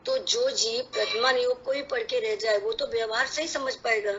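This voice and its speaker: A woman's voice: a little high, steady tone, a bit bright. A woman student asking hesitant questions in a scripture study session, often humming agreement. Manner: slow, hesitant questions with many assenting hums. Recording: dull lo-fi recording with faint room noise.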